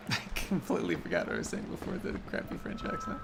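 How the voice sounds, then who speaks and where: A man's voice: high-pitched, huge pitch swings, fairly quick, gravelly, noisy background. A young man casually commenting while he plays a video game, reminiscing and losing his train of thought. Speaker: let's play host. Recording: loud game music behind.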